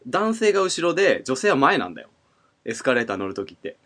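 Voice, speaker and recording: A man's voice: medium pitch, big pitch swings, fast talker, fairly bright tone. A man co-hosting a comedy podcast in casual chat, laid-back and giggly as he teases his partner.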